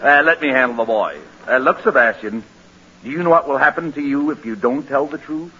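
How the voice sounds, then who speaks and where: A man's voice: mid-range voice, brisk, bright, forceful tone, dull audio, a little hiss or hum. A man playing the straight man in 1940s radio comedy, coaxing and authoritative. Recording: old radio broadcast.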